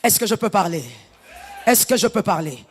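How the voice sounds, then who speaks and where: A middle-aged woman pastor delivering a sermon, animated and half-singing some phrases, breaking into shouts. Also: mid-range voice, moderate pace, long reverb tail, a little hiss or hum. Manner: animated preaching, lapsing into sung phrases and shouts.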